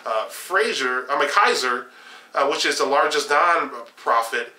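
Shelves of games fill the background of the small home room where a young man offers opinionated, sarcastic political takes to camera. His mid-range voice is measured in pace with a roomy sound, and he's animated and gestures, with frequent fillers and restarts.

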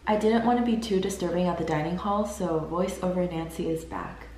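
A young woman in her twenties vlogs casually and upbeat to the camera from a small indoor room, laughing often. Her lowish voice moves fairly quickly with a darkish tone, and the room echoes with faint music behind her.

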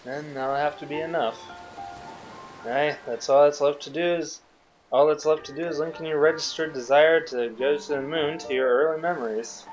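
A man voicing a brisk, sardonic male scientist in a game playthrough, with a casual, grumbling delivery. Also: on the high side, fairly even intonation, highs cut off, faint music behind, close to an everyday voice.

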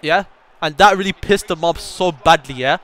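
Young man, gameplay commentary, excitable, shouts at the game, slightly high voice, smooth clear tone. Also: normal speed. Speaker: gaming YouTuber. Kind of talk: live gameplay commentary and storytelling.

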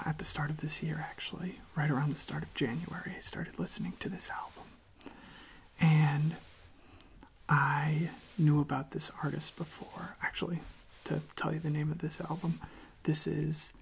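An ASMR video creator hosts a casual chat close to the microphone in a hushed, gentle, halting voice of medium pitch that often drops to a breathy half-whisper. Slight background noise is present.

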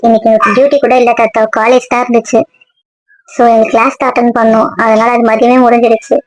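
A woman's voice: a little high, no room sound, low-quality recording. A young woman acting in a family drama as a college student, explaining earnestly and defensively.

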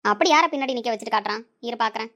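A woman voicing a homemade family drama, scolding and animated. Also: a little high, very fast. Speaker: family drama performer voicing several parts.

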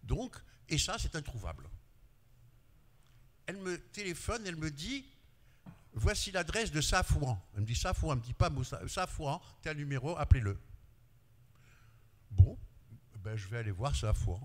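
Speaking into a handheld mic in a big glass-walled conference hall, an older male pediatrician, Arabic his first language, shares a personal story as part of a panel tribute. His sing-song delivery runs at normal speed with long pauses, rising and falling in pitch and volume as he gestures. Long hall reverb colors the sound.

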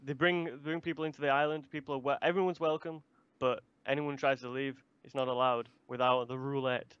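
A man's voice: mid-range voice, little pitch movement, fairly quick, clean tone, no room sound, highs cut off. A man co-hosting a casual manga review, talking in a rambling, chatty way with loose swearing. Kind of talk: casual chat.

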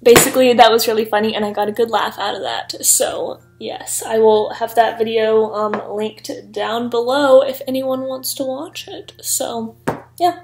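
A woman's voice: a little high, fairly even intonation, moderate pace, a little mellow, slight background noise. A young woman talking casually into her laptop for a reaction vlog, chatty and giggly with lots of fillers. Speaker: YouTuber. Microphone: laptop built-in mic.

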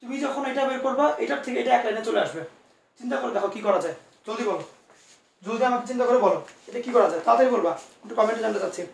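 Fast-talking high-voiced man teaching physics. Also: creaky, echoey room, recorded from a distance, slight background noise. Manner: quick, coaxing, reassuring tutoring with many asides. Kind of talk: online class lecture.

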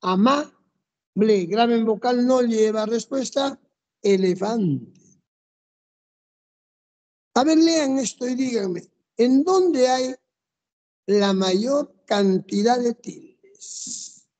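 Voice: mid-range voice, animated, drawn-out words, long pauses, warm tone. A teacher in a classroom, methodically walking students through rules step by step and quizzing them on the answers. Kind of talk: classroom lesson.

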